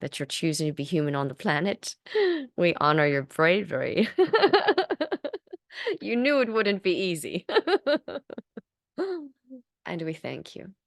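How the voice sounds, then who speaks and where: A woman's voice: low voice, fairly quick, vocal fry, few pauses, no room sound, studio quality. A woman in a seance medium's trance, voicing a lofty, benevolent collective spirit in solemn blessings broken by laughter. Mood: benevolent, exultant.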